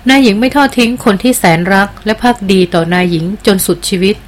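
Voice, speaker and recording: A devoted jungle queen, earnest and deferential toward her mistress, as a woman reads her lines. Her voice sits at a middle pitch, read plainly from a storybook. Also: fast talker, lightly acted. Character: loyal, devoted jungle queen, respectful and cautious. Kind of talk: audiobook character reading.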